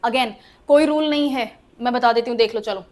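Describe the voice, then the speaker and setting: A woman English teacher with a fairly high voice and moderate pace teaches spelling rules in a chatty classroom lesson. Lively and talkative, she often asks whether the class is following and laughs at the oddities.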